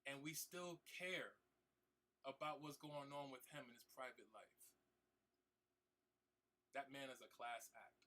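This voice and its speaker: A man's voice: medium pitch, steady tone, unhurried, long pauses, pushed and bright. A man streaming a game who talks earnestly and emotionally to his viewers, repeating himself, using casual slang and swearing, and trying not to cry. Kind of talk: heartfelt talk to stream viewers.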